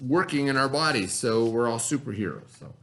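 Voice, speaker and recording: Lively intonation, a slightly fast pace and a bright, forceful tone mark this mid-range male voice. He's an elementary school teacher reading aloud to young children, explaining words step by step, spelling and sounding them out and asking "right?" along the way.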